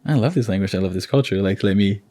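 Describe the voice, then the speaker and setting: A man's voice: lowish voice, quick pace, no echo. A man speaking as a podcast guest in easygoing conversation, thoughtful and agreeable. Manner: thoughtful, agreeable, warm affirmations. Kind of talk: casual conversation.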